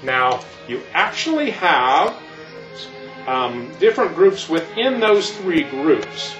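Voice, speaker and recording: A man's voice: fairly high pitch, very animated, takes it slowly. A man playing Santa Claus as an older keynote speaker, explaining things in a folksy, meandering way. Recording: echoey, distant, muffled, music behind.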